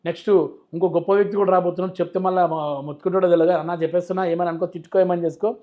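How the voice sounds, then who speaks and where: A man's voice: sits high, fairly even intonation, rapid-fire, mellow. A man, a comedian chatting animatedly as an interview guest. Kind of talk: casual interview chat.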